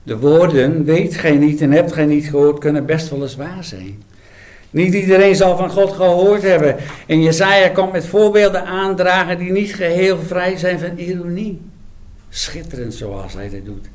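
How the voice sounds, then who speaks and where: A man's voice: high voice, normal speed. A man preaching a sermon, retelling a scripture story with dramatic, emphatic storytelling.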